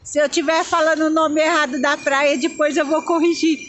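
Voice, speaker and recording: A woman's voice: high-pitched, little pitch movement, normal speed, fairly bright tone, faint music behind. A woman vlogging casually from a phone on an open cable car outdoors, chatty, nervous and exclaiming. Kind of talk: casual vlog narration. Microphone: handheld phone.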